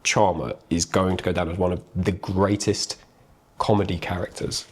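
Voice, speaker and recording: A man's voice: deep voice, fairly even intonation, normal speed, husky. A British man, an actor, chatting casually in a matey, joking, sweary way. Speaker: actor promoting a comedy film. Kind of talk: casual banter in a game chat.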